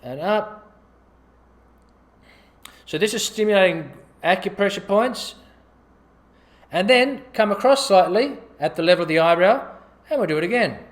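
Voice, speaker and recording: Casual male instructor, higher pitch, easygoing, counts out each stroke while demonstrating. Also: expressive, a little slow, pauses often. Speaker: gua sha instructor.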